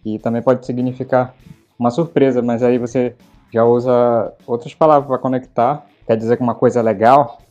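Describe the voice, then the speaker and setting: This chatty storyteller is a podcast host from Belém, Brazil, whose Belém Paraense Portuguese accent colors a casual conversation heavy with fillers. His delivery is level at medium pitch and normal speed, with a darkish tone. The recording is muffled, with faint music underneath.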